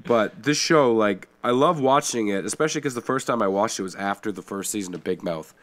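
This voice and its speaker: A young Canadian man co-hosting a podcast chats casually in a fairly low, fairly quick voice. He's animated, swears a lot, and keeps slipping into silly accents and voices.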